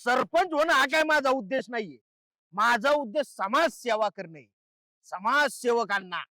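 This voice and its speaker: An actor playing a boastful, scornful middle-aged village politician. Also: male voice, extremely high pitch, animated, measured pace, bright, forceful tone, no room sound, exaggerated voice. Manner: bragging, scornful.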